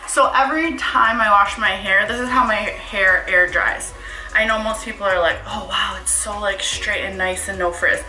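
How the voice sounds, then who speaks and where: Bright-voiced woman chatting through a hair tutorial. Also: medium pitch, moderate pace, roomy sound, soft background music, poor audio. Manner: rambling, many fillers and asides. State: out of breath. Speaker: hair stylist vlogger. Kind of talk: casual tutorial chat.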